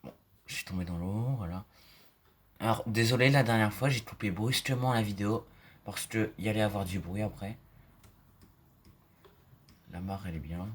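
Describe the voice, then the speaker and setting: A man giving casual, rambling gameplay commentary full of fillers, sometimes dropping into quiet murmurs. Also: lowish voice, normal speed, pauses often, breathy edge. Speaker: gaming video creator. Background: mouse and keyboard clicks.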